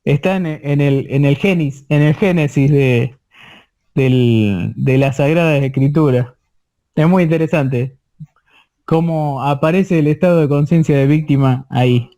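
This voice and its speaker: An online course instructor, a man with an Argentine Spanish accent, goes over the lesson slowly, repeats points many times, and keeps checking on his listeners. He has a fairly high pitch and a dark tone.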